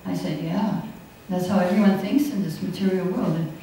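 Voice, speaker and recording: Her voice is on the low side and mellow, at a moderate pace, as an older woman gives a chatty scripture lesson, laughing often and sharing anecdotes. She stands at a stand-mounted podium mic in an echoey hall indoors, captured at a distance with slight background noise.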